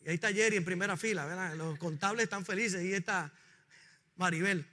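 Male pastor, animated sermon delivery, very high and sharp tone, long hall reverb. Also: brisk. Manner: animated preaching, calls on the congregation to repeat lines.

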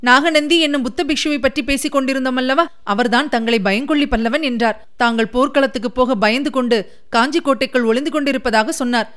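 A woman reading a storybook part of a tender, anxious young woman who pleads earnestly, a little higher than her narrating voice. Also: fast, a bit bright. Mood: confessing.

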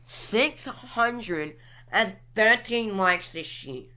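Young woman, solo podcast host, unhurried drawn-out delivery, bright clear tone, thinks aloud as she clicks around. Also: medium pitch, animated. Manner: drawn-out, musing, talks while clicking through apps. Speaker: podcast host reviewing her channel stats. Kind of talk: casual solo commentary.

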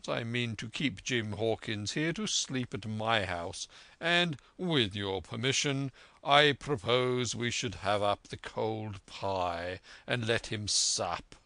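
A man as a composed, slow-spoken gentleman doctor. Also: fairly low pitch, no echo, heavily acted. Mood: composed, kindly. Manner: deliberate, composed. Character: calm, measured gentleman doctor, dryly authoritative. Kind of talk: audiobook character voice.

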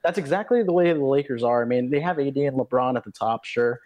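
Late-teen guy co-hosting a sports podcast, mid-pitched voice, easygoing and loose. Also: fast talker, a little mellow. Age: late teens. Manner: laid-back, often tags lines with "man". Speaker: podcast co-host. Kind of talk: casual sports chat.

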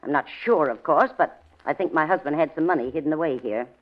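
An actress playing a calm, guarded, suspicious widow in a 1940s radio drama. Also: female voice, low-pitched, fast talker, natural voice. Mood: cool, suspicious. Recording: dull vintage radio recording.

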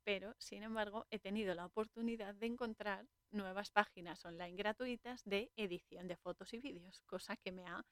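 A woman's voice: medium pitch, fairly even intonation, normal speed, hardly any pauses, no room sound. Chatty Spanish woman laughing through a film recap. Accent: Spain Spanish. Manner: chatty, laughs often while retelling scenes. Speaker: podcast host. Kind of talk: casual podcast film recap.

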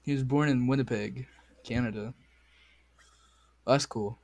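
A man with a strained, sore voice hosts a casual podcast chat, full of crude and excitable banter. His pitch sits in a plain middle range, and the sound is dry and close. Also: measured pace, no echo. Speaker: podcast host.

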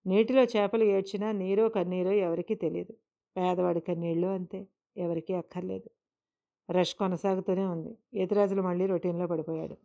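A woman narrating a scripted story in a measured, emotive way. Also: mid-range voice. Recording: dull lo-fi recording.

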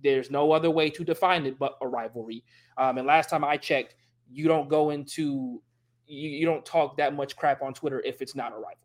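A man's voice: a little high, a little fast. A man co-hosting a sports podcast, giving opinionated analysis in casual chat and teasing rival fans. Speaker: podcast co-host.

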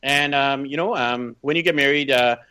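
Speaking as a guest on a podcast, this Canadian man in his thirties recounts personal stories with a talkative, emphatic delivery. He has a medium pitch and moderate pace, and his tone comes across as bright, forceful and clean, though the lo-fi recording sounds a bit dull.

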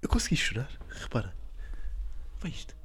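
A young man with a European Portuguese accent, co-hosting a comedy podcast in a soft, mock-pleading manner. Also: medium pitch, big pitch swings, moderate pace, breathy edge. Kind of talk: casual comedic banter.

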